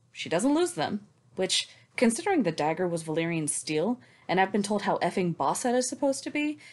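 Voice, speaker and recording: With a medium-pitched, darkish voice, a woman co-hosts a book podcast and gives recaps. The discussion sounds scripted, and her delivery is sarcastic, emphatic, casual and full of swearing.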